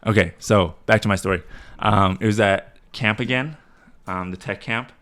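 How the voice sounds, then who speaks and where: A man's voice: on the low side, normal speed, fairly bright tone. A young man co-hosting a podcast, telling a story in a loose, rambling way full of fillers. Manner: rambling, lots of "like" fillers, laughs through his story. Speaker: podcast co-host. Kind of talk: casual storytelling chat.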